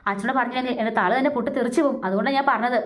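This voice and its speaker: Anxious young man in a spoken serial recap, insistent, high and fast, voiced by a woman. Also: close to an everyday voice. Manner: eager, insistent explaining. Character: anxious young man reporting family gossip.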